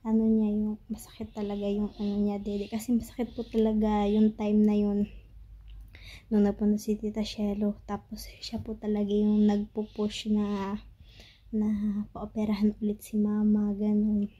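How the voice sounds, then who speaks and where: Filipina vlogger, young woman, flat and very mellow delivery, halting speech, slightly dull audio. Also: medium pitch. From Philippines. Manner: halting, searching for words, tearful at times. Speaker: family vlogger. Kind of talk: emotional story-time monologue. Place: home in Pakistan.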